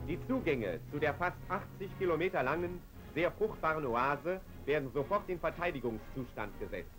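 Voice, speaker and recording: A man narrating a 1940s newsreel in a crisp declarative announcer's manner, heard as an old newsreel recording. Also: a little high, expressive, moderate pace, poor audio. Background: loud music.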